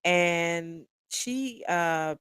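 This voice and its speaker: A woman from Detroit, a podcast guest, telling a personal story in an animated, conversational way. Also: on the low side, drawn-out words, smooth, dry recording.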